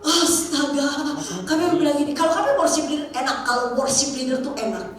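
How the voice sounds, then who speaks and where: A woman preacher, telling stories in an animated, laughing sermon to young people. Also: high-pitched, fast talker, crowd noise. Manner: animated storytelling with laughs and acted quotes. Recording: echoey hall, mic from far off.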